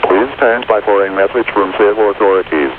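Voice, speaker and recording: A fairly low male voice reads an emergency alert in an even, formal way. It comes through like an AM radio broadcast, with a faint hiss behind it and a slightly distant sound. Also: brisk, phone-quality sound. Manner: flat, even, formal announcement. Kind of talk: automated emergency broadcast reading.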